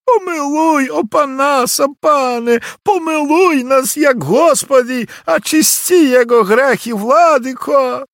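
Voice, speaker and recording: A man's voice: slow, hardly any pauses, fairly bright tone, no room sound, clean studio sound, heavily acted. A man voicing a desperate young peasant girl who cries out her pleas. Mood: pleading. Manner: shrill pleading cries.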